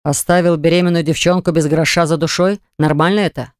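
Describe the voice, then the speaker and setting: A reader voicing a hot-tempered man who growls and sneers at a rival in a low, rumbling voice. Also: steady tone, brisk, smooth, dry recording, studio quality, lightly acted. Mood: growling.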